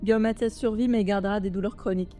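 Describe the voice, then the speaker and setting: French woman, player, mid-pitched, matter-of-fact, faint music behind. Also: fairly even intonation, fast, dark tone. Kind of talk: casual tabletop play.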